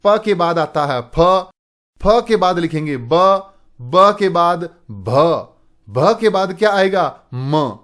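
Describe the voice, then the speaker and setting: A man from India explaining a Sanskrit alphabet lesson to students, pausing to repeat syllables slowly and clearly. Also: sits high, expressive, fairly bright tone. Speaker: Sanskrit teacher.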